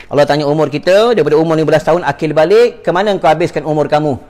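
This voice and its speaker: Malaysian man, sermon, high-pitched, repetitive preaching, addresses the congregation. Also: very fast, a little mellow. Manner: preachy, repeats phrases, addresses audience as tuan-tuan. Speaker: religious teacher giving a mosque lecture.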